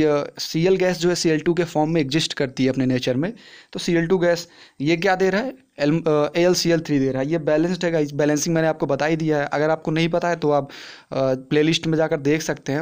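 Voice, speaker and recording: Teaching science in a relaxed classroom manner, this young man asks questions and then answers them on his own. His voice is on the high side and a little mellow.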